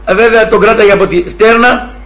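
Male preacher, 60s, high voice, fervent storytelling sermon, dull lo-fi recording. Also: fairly even intonation. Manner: fervent, storytelling, often addressing brothers.

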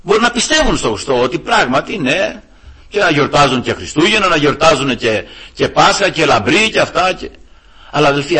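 Husky, forceful male preacher. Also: medium pitch. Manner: emphatic, keeps addressing the brethren. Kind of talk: sermon.

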